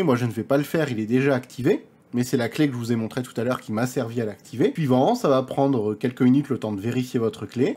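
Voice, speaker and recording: Husky man narrating a tutorial. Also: mid-range voice, darkish tone. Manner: chatty, informal, addresses viewer as tu and vous. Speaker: tech tutorial youtuber. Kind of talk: casual screen-recorded tutorial. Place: home, dog nearby.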